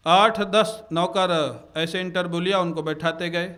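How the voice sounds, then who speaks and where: A man with a high voice preaches to a gathering. He tells moral stories, breaks into chanted Sanskrit verses, and keeps checking with his listeners with a quick "haan?". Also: steady tone, a bit bright. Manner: storytelling, quoting Sanskrit verses, asks the audience "haan?". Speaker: spiritual preacher. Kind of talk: devotional discourse. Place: religious gathering in Delhi.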